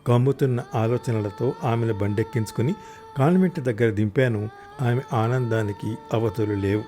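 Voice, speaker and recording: A man narrating a first-person audio story, raising his voice loudly in the angry husband's lines. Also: medium pitch, moderate pace, music in the background.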